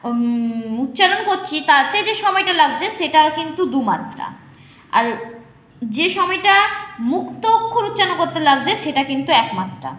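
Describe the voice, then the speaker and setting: A woman's voice: high voice, very animated, moderate pace, fairly bright tone. A woman teaching a lesson to students, explaining step by step and asking them whether they follow. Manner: explains step by step, checks understanding with questions. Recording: echoey room.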